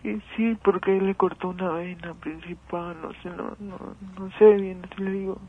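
A man's voice: sits high, level tone, a little hiss or hum. Grieving man on a tinny phone line. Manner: halting, repeats words, emotional. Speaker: interviewed father. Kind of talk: phone interview.

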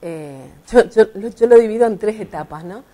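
A woman's voice: medium pitch, moderate pace, dark tone. A middle-aged Argentine woman and lawyer, telling an interviewer with indignant emphasis about an incident, acting out the quoted dialogue. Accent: Argentine Spanish (rioplatense voseo). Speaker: interviewee, party representative and lawyer.

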